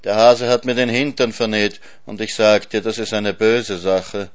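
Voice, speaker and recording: A man's voice: on the low side, little pitch movement, normal speed, lightly acted. A man reading a storybook, voicing a greedy, gluttonous hyena that whines and moans. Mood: moaning. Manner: whiny, grasping, moaning.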